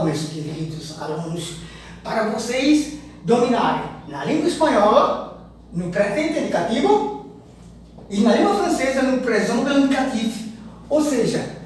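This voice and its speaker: Mulher professora de línguas, sala ecoante. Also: female voice, fairly high pitch, a little mellow. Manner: didactic, repeats conjugations slowly, chuckles often. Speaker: language teacher. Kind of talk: recorded online language lesson. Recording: echoey room, mic far off, faint noise.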